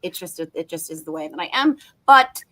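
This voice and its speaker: Brief: fired-up American woman, bright edge, blunt and profane, caffeinated rant. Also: on the low side, moderate pace, rough recording. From United States. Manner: animated, ranting, blunt with profanity. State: riled up on caffeine. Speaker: podcast co-host. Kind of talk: casual political chat.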